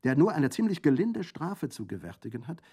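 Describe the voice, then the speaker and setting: A man's voice: on the high side, sing-song, fairly quick, dark tone, voice pushed up. A man reading aloud and voicing a formal, somewhat condescending government prefect. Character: official French prefect, formal and patronizing. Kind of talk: audiobook reading.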